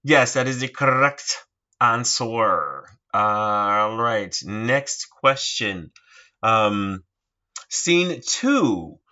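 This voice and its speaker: A man hosting a podcast quiz, talking slowly and hesitantly with many fillers. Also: medium pitch, bright, forceful tone. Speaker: podcast host running a quiz. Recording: dull lo-fi recording.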